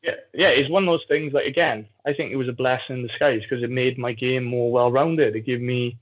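A jiu-jitsu athlete with a South Wales Valleys accent tells stories casually and candidly as a podcast guest. His medium-pitched voice keeps a fairly even intonation and moves a little fast, and the call audio is muffled and phone-like.

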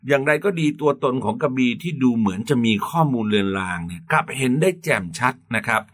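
A man speaking as a guest scholar in a conversational lecture, measured and often checking that his co-host agrees. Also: mid-range voice, expressive, fairly bright tone.

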